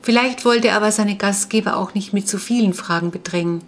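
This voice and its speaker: Lady reading a kids' audiobook, calm and even, middle pitch. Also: a little fast. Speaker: narrator. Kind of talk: audiobook narration.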